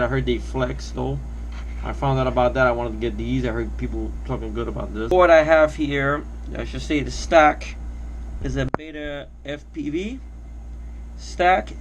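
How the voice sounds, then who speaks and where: Male hobbyist, mid-pitched, slightly under the weather; hesitant, casual product walkthrough with light noise behind. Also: low-quality recording. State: under the weather, coughing now and then. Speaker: hobby drone pilot presenting his build.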